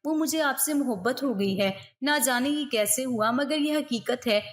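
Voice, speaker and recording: A woman's voice: sits high, close to an everyday voice. A woman voicing a lovesick young man. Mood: pleading. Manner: earnest, imploring.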